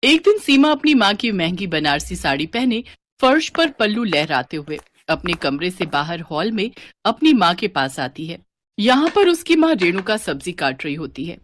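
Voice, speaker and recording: A woman narrating an animated moral story in an expressive storytelling manner. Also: lowish voice, normal speed, slight background noise.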